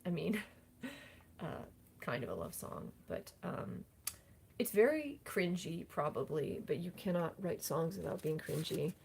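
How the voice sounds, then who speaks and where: Chatty young woman, gravelly, lively pitch. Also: measured pace. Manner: chatty, rambling, self-deprecating. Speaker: livestream host, singer-songwriter. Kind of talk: casual livestream chat.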